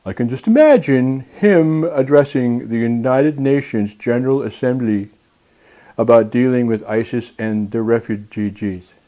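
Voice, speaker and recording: A man co-hosting a comedy show, talking hesitantly with many pauses. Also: mid-range voice, mellow. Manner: hesitant, full of uh's. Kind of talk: comic banter.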